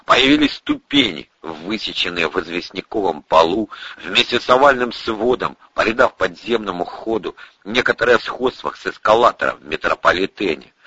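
A man reads an audiobook in a lowish, husky voice with a bright, forceful tone and lively swings in pitch. The recording is dull and dry. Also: no echo. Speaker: audiobook narrator. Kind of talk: audiobook narration.

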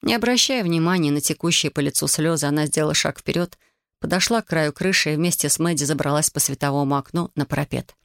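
An audiobook narrator reading a tense scene in measured, even storytelling. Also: mid-range voice, creaky, no room sound, studio quality. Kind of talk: scripted narration.

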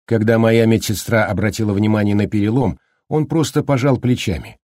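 A man voicing a calm, measured male doctor in an audiobook thriller, speaking in a slightly raised, husky voice. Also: on the low side, dry recording, studio quality, natural voice. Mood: calm explaining. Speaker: doctor in the story. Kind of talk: audiobook character reading.

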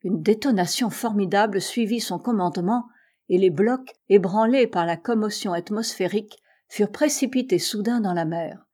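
Female audiobook reader, warm dark tone, steady measured storytelling. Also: mid-range voice. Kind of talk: audiobook narration of a classic novel.

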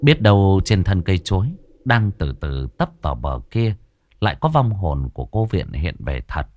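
A man's voice: low-pitched, sing-song, moderate pace, a little mellow, no room sound. A man narrating a village horror story in a dramatic, ominous way.

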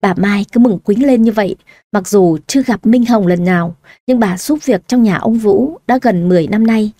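A woman narrating a story audiobook-style with a steady, even reading. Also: mid-range voice, normal speed, no echo, clean studio sound.

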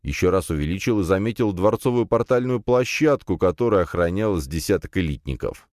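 A man narrating a fantasy audiobook in an expressive, lively reading style. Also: deep voice, brisk, no echo, studio quality.

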